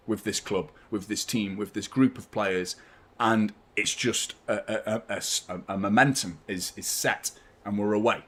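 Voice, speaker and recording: A young man hosting a fan watchalong stream, rambling chattily and giving shout-outs to viewers. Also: fairly low pitch. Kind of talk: live stream chat with viewers.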